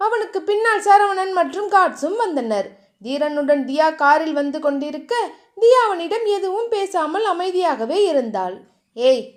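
A woman narrating a romance novel chapter in a steady storytelling manner. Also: high voice. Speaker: audiobook narrator.

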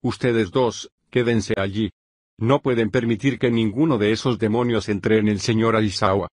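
A man voicing a cool-headed teenage boy hero in a synthetic fanfic reading, calmly giving instructions. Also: fairly low pitch, normal speed, no echo, studio quality, close to an everyday voice. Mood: instructing.

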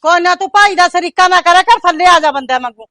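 A woman's voice: extremely high pitch, fast talker, pushed and bright, no echo, studio quality. A middle-aged woman acting a strict mother who nags and scolds her daughter. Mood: scolding. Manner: scolding, nagging. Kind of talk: short film dialogue.

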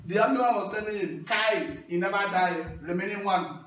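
Here the same kind of performer, a young Nigerian man with a Nigerian accent, speaks at a moderate pace in a high-pitched voice. He is a loud, animated storyteller doing stand-up, singing and yelling his punchlines. The camera sits across a small wood-panelled hall from his handheld mic, giving a far-off, reverberant sound.

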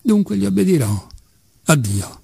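A man's voice: high voice, sing-song, measured pace, gravelly, warm tone, slightly rough, no room sound, clean studio sound, voice pushed up, exaggerated voice. A man reading the part of an insolent, mocking teenage schoolboy in an audiobook. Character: defiant cheeky schoolboy, teenage.

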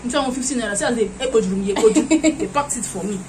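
This casual vlog chat features a young Nigerian-accented woman in her twenties speaking fast in a fairly high voice. She's animated and laughing, mixing in pidgin as she stands at an indoor doorway, with noise in the background.

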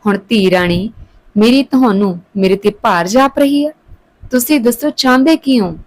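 A woman's voice: a little high, moderate pace, lightly acted, poor audio. A woman voicing an old father who scolds his family, stern and angry, in a storybook reading. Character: old father, proud, angry, protective of daughter-in-law.

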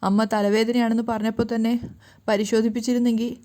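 A woman's voice: on the high side, flat delivery, fairly quick, mellow, close to an everyday voice. A woman narrator voicing a worried young daughter, pleading urgently and tearfully.

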